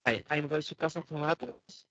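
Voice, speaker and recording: A man's voice: on the high side, animated, normal speed, a bit bright, no echo. A man giving a formal project presentation over a video call, his audio choppy and breaking up as the connection drops out. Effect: choppy audio breaking up over a bad call connection. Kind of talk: online conference presentation. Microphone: remote video-call microphone. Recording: dull, lo-fi, distant call audio.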